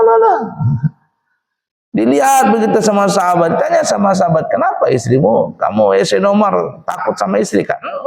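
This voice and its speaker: Male preacher, slightly high gravelly voice, storytelling sermon, echoey hall. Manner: storytelling, acts out quoted voices, lively asides. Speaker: Islamic preacher. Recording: echoey hall with long reverb.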